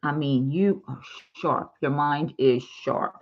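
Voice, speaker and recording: A woman giving a chatty, casual tarot reading to her viewers, reassuring and quick to giggle. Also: deep voice, lo-fi sound. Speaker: tarot reader.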